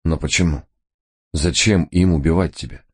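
A man's voice: rumbling low, fairly even intonation, normal speed, husky. A man voicing a cool-headed man who speaks curtly, coldly and impatiently. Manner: curt, cold, impatient. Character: cool-headed man tending his brother, curt.

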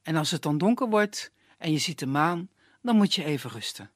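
A storyteller voicing a calm, fatherly older wood gatherer who gives directions in a puppet tale. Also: on the high side, moderate pace, no room sound, studio quality, lightly acted.

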